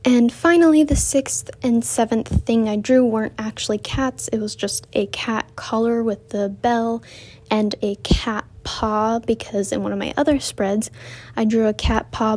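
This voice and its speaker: Walking while she records, this woman is breathless as she talks through her drawing in a casual voice-over for her art vlog. Her voice is a little high and slightly mellow, with fairly even intonation at a normal pace, and she rambles chattily, frequently correcting herself.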